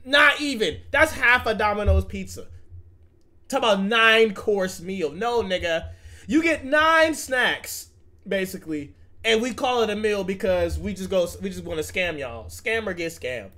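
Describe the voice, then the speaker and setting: A man's voice: high-pitched, normal speed, sharp tone. A man streaming live, reacting to a video with casual, profane, mocking commentary.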